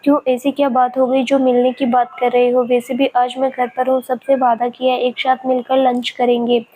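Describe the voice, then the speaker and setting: A woman's voice: sits high, completely flat delivery, moderate pace, warm tone, slight background noise, lightly acted. A woman reading the part of a self-assured, teasing grown woman in a spoken family story. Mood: chatty. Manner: teasing, chatty.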